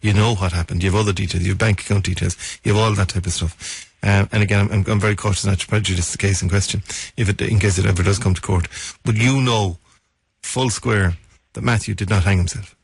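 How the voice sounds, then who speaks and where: Irish guy hosting local radio, husky low voice, talks fast but keeps restarting his questions, dry studio sound. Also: fairly even intonation, no room sound. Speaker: radio interviewer and host. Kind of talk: live local radio interview.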